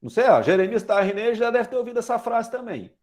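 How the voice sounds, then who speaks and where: Lively high-voiced Brazilian preacher man. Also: quick pace. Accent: Brazilian Portuguese. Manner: chatty, asks the congregation questions, uses homely examples. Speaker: lay preacher. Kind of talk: conversational sermon.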